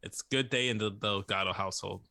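A man's voice: lowish voice, fairly even intonation, quick pace, vocal fry, sharp tone. A man chatting casually as a podcast co-host. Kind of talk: casual banter.

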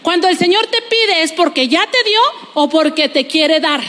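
A woman's voice: extremely high pitch, animated, normal speed, fairly bright tone, in a large hall. A woman pastor, preaching a sermon that mixes personal testimony with playful asides.

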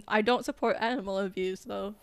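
A woman's voice: mid-range voice, steady tone, measured pace, no room sound. A young woman co-hosting a podcast, chatting casually and giggling often. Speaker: podcast co-host. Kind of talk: casual chat.

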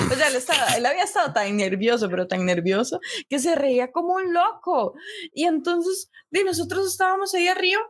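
Young Costa Rican woman, podcast co-host, lively storyteller. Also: high voice, brisk, noisy background. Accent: Costa Rican Spanish. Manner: animated storyteller, tag questions, laughs often. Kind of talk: casual storytelling chat.

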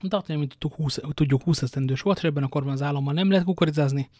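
Guy reading an audiobook, lively storytelling, little jokey asides, fairly high voice. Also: no room sound, studio quality. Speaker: audiobook reader. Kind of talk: novel narration with joking asides.

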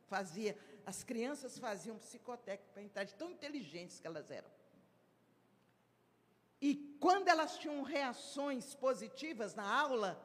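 A woman's voice: a little high, lively intonation, measured pace. A woman giving a spiritist lecture, emphatic and acting out little dialogues as she talks. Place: large hall at a spiritist event. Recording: reverberant lecture hall.

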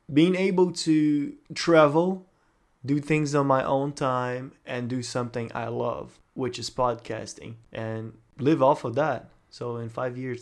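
Upbeat young man co-hosting a podcast. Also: mid-range voice. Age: young adult. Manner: upbeat, laughs often, enthusiastic. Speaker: podcast co-host. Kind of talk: casual Q&A chat. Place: home setup, recorded for a podcast.

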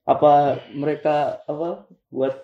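A man chatting casually as a podcast co-host, often pausing to search for words. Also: on the high side, fairly even intonation, muffled recording. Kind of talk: casual chat. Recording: echoey room.

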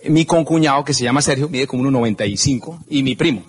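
Husky, animated male storyteller. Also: mid-range voice, quick pace. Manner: expressive, acts out scenes and shouts. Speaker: speaker at a business event. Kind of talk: animated storytelling talk to an audience.

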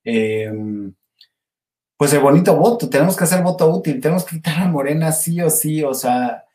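Hosting a relaxed livestream, a Mexican-accented man rambles informally as he chats live with viewers. He talks at a moderate pace in a somewhat high, slightly mellow voice, and the recording has a roomy echo.

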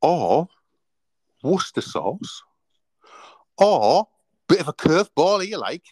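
A man's voice: on the high side, big pitch swings, takes it slowly, a little mellow, husky, dry recording. A man hosting a casual radio chat show, playful and laughing, running a quiz segment. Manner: playful, laughing, mimics customers. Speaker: host.

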